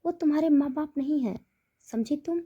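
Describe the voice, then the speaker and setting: A woman's voice: on the high side, expressive, a little slow, warm tone, breathy edge, muffled recording, exaggerated voice. A woman voicing a stern, domineering wealthy mother who speaks in a firm, commanding way.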